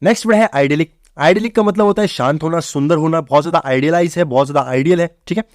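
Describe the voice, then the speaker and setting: Clean studio audio with no echo carries a man's slightly high voice as he coaches viewers on English words for exams. He explains memory tricks in quick Hindi peppered with English, quizzes his audience, and checks in often with "theek hai bhai."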